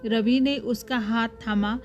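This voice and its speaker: A woman reading a sad story aloud, slow and emotional. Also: on the high side, steady tone, dull audio. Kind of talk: scripted story narration. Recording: soft music underneath.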